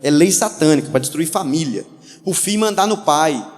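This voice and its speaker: Animated preacher, man, higher voice, storytelling style, reverberant hall. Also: normal speed. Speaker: pastor. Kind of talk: lively sermon with anecdotes.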